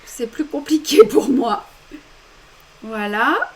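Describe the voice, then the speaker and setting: A woman's voice: high-pitched, very animated, takes it slowly. A woman with a French accent giving step-by-step embroidery instructions during a live demonstration, with small self-deprecating asides. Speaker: embroidery teacher.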